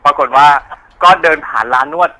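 Quick, bright-voiced male caller. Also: a little high, poor audio. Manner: hesitant, repeats words while storytelling. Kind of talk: casual call-in chat.

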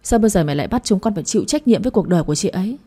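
A woman's voice: medium pitch, animated, racing, dark tone, husky. A woman voicing a grown younger brother who curtly defends his wife. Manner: curt, snapping.

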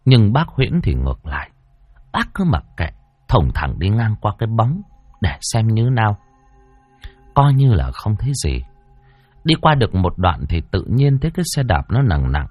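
A man narrating a spooky folk tale in a dramatic, expressive way. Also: on the low side, moderate pace, no echo, dull audio, soft background music. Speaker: storyteller.

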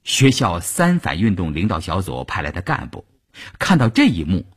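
A man telling a long novel on the radio in an expressive, storytelling manner. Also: moderate pace, slightly rough. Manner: expressive, swinging pitch.

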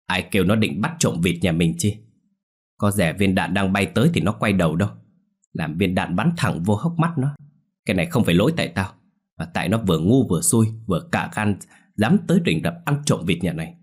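A man's voice: deep voice, expressive, a little fast, slightly rough. A man voicing a brutal middle-aged village man with a violent temper, snarling coarse threats.

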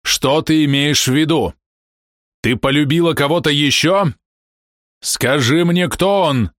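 A man's voice: lowish voice, normal speed, no room sound, studio quality, lightly acted. A man voicing a big, betrayed husband who turns harsh and explosive. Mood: furious. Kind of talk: audiobook character voice.

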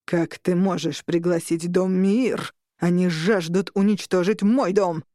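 A woman voicing an angry male vampire lord who shouts and snarls at his rivals. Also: sits high, steady tone, normal speed, dry recording, studio quality. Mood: furious. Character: furious vampire lord marshal, growling.

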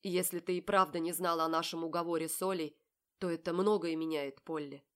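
A cold, commanding young man in an audiobook, as a woman reader puts him on. His lines come curt and mocking, pressing and accusing. The voice sits slightly low. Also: steady tone, fairly quick, a bit bright, natural voice. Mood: menacing. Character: cold self-assured predatory young man. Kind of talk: audiobook character voice.

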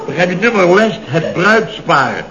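A full character voice: high, sing-song, pushed and bright, a little slow, with a Netherlands Dutch accent. The male actor portrays a blustering, middle-aged, put-upon building boss recounting mishaps in 1970s radio comedy, his long stories indignant and exasperated in emphasis. Audio comes from a dull old radio recording.

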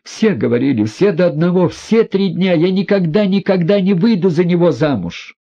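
A man's voice: high voice, expressive, moderate pace, dark tone, dull audio, voice pushed up. A man voicing an indignant, hysterical proud young woman who flings accusing outbursts.

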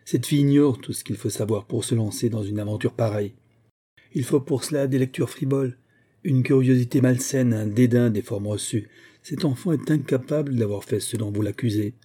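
A kind older lady speaks calmly and with gentle firmness, as a man reads her part. Her tone is very dark and mellow, with a husky edge. She is a storybook benefactor, sure of herself. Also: mid-range voice, fairly quick, lightly acted. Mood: firm. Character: kind older woman, calm and firm benefactor.

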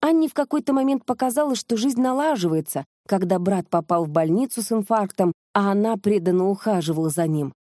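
A woman voicing a sharp-minded woman investigator who calmly lays out a case in a close, dry studio recording. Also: mid-range voice, fairly quick, hardly any pauses, no echo, close to an everyday voice. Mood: explaining. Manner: calm, reasoned explaining.

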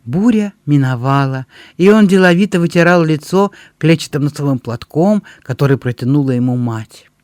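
A man's voice: a little high, expressive, normal speed, darkish tone, no echo. A man reading a novel aloud as an audiobook, telling the story steadily and expressively on a close microphone. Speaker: audiobook reader. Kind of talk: scripted narration.

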